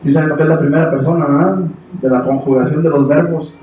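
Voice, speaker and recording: A man with a Mexican Spanish accent preaching a sermon as pastor, impassioned, acting out quotes and rising to shouts. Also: a little high, steady tone, fast. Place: church hall. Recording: echoey hall from far off, dull, faint hiss.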